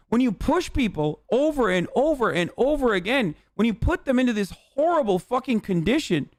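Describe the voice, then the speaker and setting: A man's voice: extremely high pitch, no room sound, clean studio sound. Fired-up ranting male streamer. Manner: angry, profane, emphatic. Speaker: livestream host. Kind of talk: heated livestream rant.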